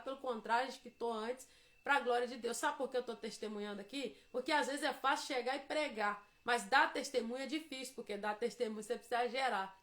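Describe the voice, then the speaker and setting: A Brazilian woman with a high-pitched voice shares a devotional testimony. She tells her story emphatically and acts out each quoted line as she goes.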